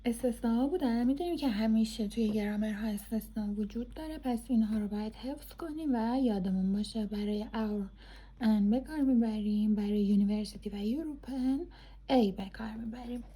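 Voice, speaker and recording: A woman English teacher, explaining grammar casually and reading example sentences slowly and deliberately. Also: fairly high pitch, warm tone, breathy edge.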